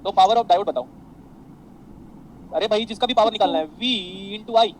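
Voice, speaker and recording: A man teaching a classroom lecture, animated, mixing explanations with anecdotes for his students. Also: sits high, unhurried, a little hiss or hum, poor audio. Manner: animated, addresses students as beta, tells anecdotes.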